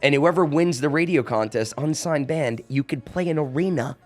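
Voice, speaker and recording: A man hosting a casual podcast chat, giving short encouraging reactions and telling his own relaxed anecdotes. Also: a little high, normal speed, faint music behind.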